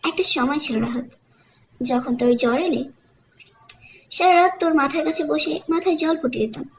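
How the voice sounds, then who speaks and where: A woman's voice: high-pitched, moderate pace, a little hiss or hum. A woman voicing a cold, cutting young wife. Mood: bitter. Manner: cutting and bitter. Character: cold, proud young wife scolding her family.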